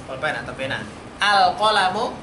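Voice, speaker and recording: A man's voice: sits high, lively intonation, moderate pace. A man teaching Arabic in a mosque, quizzing his students in a call-and-response lesson. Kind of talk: classroom lesson. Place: mosque study room. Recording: roomy hall, noisy room recording.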